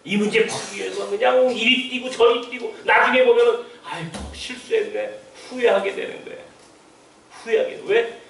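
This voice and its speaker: A man's voice: very high-pitched, steady tone, brisk, vocal fry, a bit bright, a little hiss or hum. A man preaching a sermon as pastor, emphatic and full of rhetorical questions, with chuckling asides. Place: church sanctuary. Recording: roomy church sound, mic far off.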